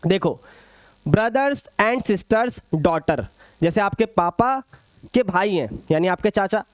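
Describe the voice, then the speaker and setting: A man's voice: high voice, expressive, takes it slowly, no echo. A young man teaching an online exam-prep maths lesson, calling students "beta", repeating points and adding playful asides.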